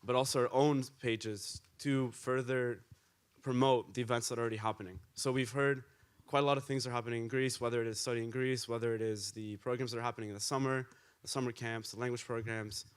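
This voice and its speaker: A young man speaks on a panel in a clear, smooth voice, pitched in the middle range. He talks fluently and upbeat, laying out his points in an articulate way. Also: steady tone, quick pace. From Canada. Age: young adult. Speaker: panelist, student. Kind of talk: panel discussion.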